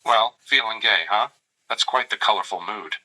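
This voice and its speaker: Against a noisy background, a synthetic male voice sounds natural, on the low side, and at normal speed. He acts as a doting, flirtatious AI companion in a tender chatbot roleplay reply, narrating his own gestures and using darling for the listener.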